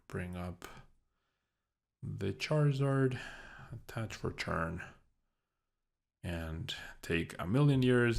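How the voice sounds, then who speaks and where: A young man casually commentating his own card game as he plays, thinking aloud with a dry, sarcastic streak. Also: vocal fry. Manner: low-key, dryly sarcastic, thinking aloud. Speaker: gameplay commentator.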